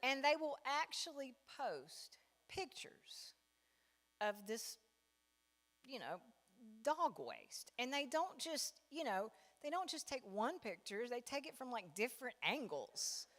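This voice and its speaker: A woman's voice: high voice, big pitch swings, takes it slowly, a bit bright. A woman doing a stand-up comedy set, telling stories and acting out the people in them. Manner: storytelling, acts out characters with big voice swings. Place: church hall with a live audience. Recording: long reverb of a large hall.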